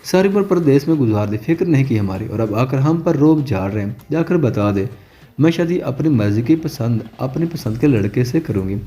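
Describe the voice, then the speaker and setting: A man's voice: medium pitch, lively intonation, moderate pace, mellow, lightly acted. Defiant young daughter, voiced by a man; protesting, indignant storybook reading.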